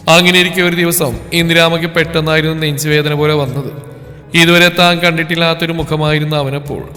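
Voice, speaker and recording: A man narrating a scripted story in a steady, even storytelling delivery. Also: on the high side. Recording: long reverb with background music.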